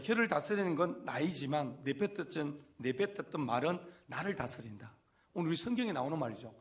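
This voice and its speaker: A male pastor delivers a folksy sermon, slipping into little acted-out quotes of everyday talk. His voice is gravelly with fry and sits slightly high for a man. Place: church sanctuary.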